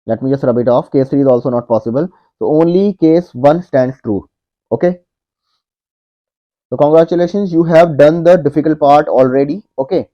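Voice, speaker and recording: A man's voice: fairly high pitch, moderate pace. Methodical man tutoring a logic puzzle. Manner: methodical, repeats each step and says "okay" often. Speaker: online tutor. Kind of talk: whiteboard puzzle walkthrough. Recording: dull lo-fi audio.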